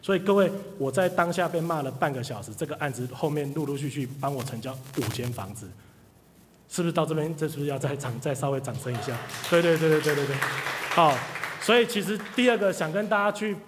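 A man, telling an audience a lively story about his sales career and acting out the people in it. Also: a little high, quick pace, a crowd in the background, background noise. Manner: animated storyteller, acts out quoted people. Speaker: speaker sharing career story. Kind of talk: live motivational talk to an audience. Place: hall with audience. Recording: reverberant hall.

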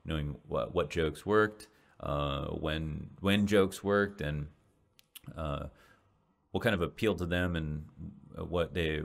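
This young man, a podcaster and esports caster, talks slowly in a relaxed solo reflection. His deep, low voice goes raspy as he rambles with frequent restarts and fillers. He's indoors in a small room at home, a big studio mic in front of his face.

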